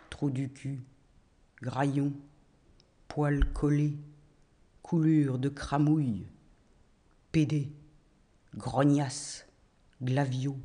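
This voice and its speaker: A man's voice: mid-range voice, mellow. A man coldly reciting his writing. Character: man reading out a bitter, crude piece he wrote. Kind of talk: reading his own text aloud in a film scene.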